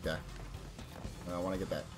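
A young man casually commenting while he plays a video game, swinging between loud excited yelps and low frustrated muttering. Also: brisk, music in the background. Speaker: gaming channel host. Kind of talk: live let's-play commentary.

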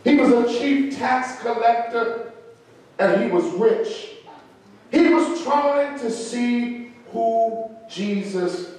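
A middle-aged male pastor preaching a sermon from the pulpit into a handheld microphone, slow and measured with lilting emphasis. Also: high voice, a little mellow. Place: large church sanctuary. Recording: very echoey church hall.

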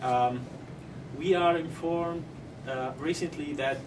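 A middle-aged parent from Syria, seated at a conference-room table, makes a halting prepared press statement before answering questions. His slightly high voice comes with many ums and non-native grammar. Although he uses table microphones, he is heard through a far camera, so the audio is distant with steady background noise.

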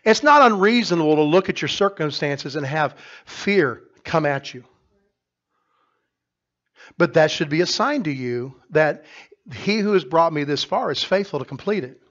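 A middle-aged pastor preaching a sermon, telling the story with lively acted-out voices that swing from quiet asides to loud cries. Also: male voice, a little high, moderate pace, dull audio. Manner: animated storytelling, acting out voices and rising to shouts. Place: church sanctuary.

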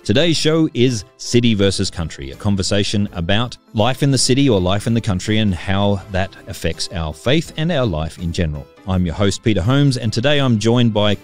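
A man's voice: on the low side, expressive, a little fast, few pauses, faint music behind. A man hosting a casual podcast chat, friendly, with frequent ums and uhs. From Australia. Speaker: podcast host.

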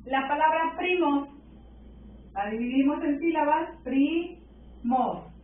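High-voiced Mexican teacher on a tinny line. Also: female voice, lively intonation, measured pace, slight background noise. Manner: patient, checks in with frequent "¿sí?". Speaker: primary school teacher. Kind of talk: online grammar lesson. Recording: tinny distant echoey room.

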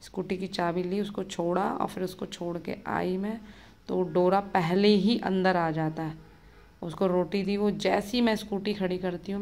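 A woman in her thirties, a mother, narrating her busy morning in a casual daily vlog, chatty and hurried. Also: fairly low pitch, darkish tone. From Uttarakhand, India. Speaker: vlogger, mother of two.

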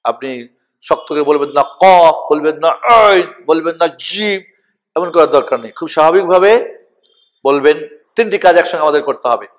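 A man teaching a lesson, slowly calling out each letter name for listeners to repeat. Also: on the high side. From Bangladesh. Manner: slow, deliberate, spells out each letter name for repetition. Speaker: Quran teacher. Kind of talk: recitation lesson with call-and-repeat.

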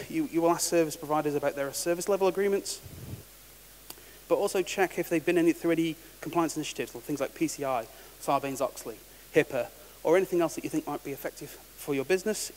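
A man giving a technical conference talk, casual and wry, often restarting words. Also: a little high. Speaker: conference speaker. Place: large conference hall. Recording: reverberant hall with faint hiss.

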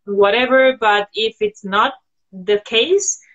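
A woman guest on a video call from home, giving advice in a thoughtful, halting way with frequent fillers. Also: fairly high pitch, a bit bright, muffled recording. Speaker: guest sharing sustainability tips. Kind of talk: casual video-call interview. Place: indoors at home.

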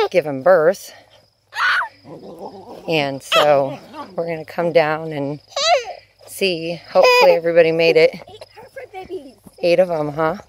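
A woman chatting casually as she films her family farm outdoors on a handheld phone, gentle with the animals. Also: deep voice, noisy background. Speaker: homesteader filming family farm. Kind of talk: casual narrated farm vlog. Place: outdoors on a farm, in a small livestock shelter.

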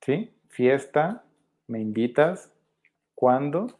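A man's voice: mid-range voice, big pitch swings, very slow, a little mellow. Man teaching with constant "¿sí?" checks. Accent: Colombian Spanish. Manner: explanatory, frequent checking "¿sí?". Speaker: sign language teacher. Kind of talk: live-streamed virtual workshop. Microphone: webcam.

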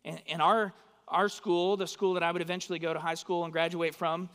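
A high-pitched, slightly bright voice with little pitch movement comes from a West Texas pastor speaking a little fast. He gives a conversational sermon in a church sanctuary, often checking in with listeners, amid long hall reverb.

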